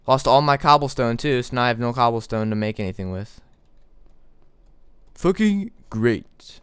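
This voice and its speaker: A man's voice: mid-range voice, fast talker, fairly bright tone, clean tone, no room sound. A young man giving casual gameplay commentary, swearing and sarcastic as things go wrong. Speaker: gaming commentator.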